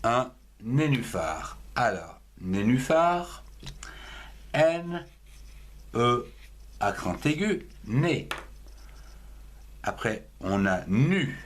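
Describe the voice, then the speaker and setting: A man leads a writing lesson at a very slow, deliberate pace, spelling each word out letter by letter. His pitch moves a lot, rising and falling as he stresses each syllable. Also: big pitch swings. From France. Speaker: writing teacher.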